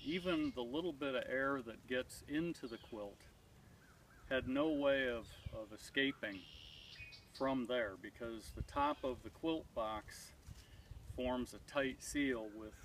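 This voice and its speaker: Working in the spring woods, the man in his thirties speaks at medium pitch, walking viewers through each step in a plain, methodical manner and pausing often. This casual beekeeping demonstration is recorded by a far camera on a tripod, whose distant outdoor mic catches clear ambience and a little background noise.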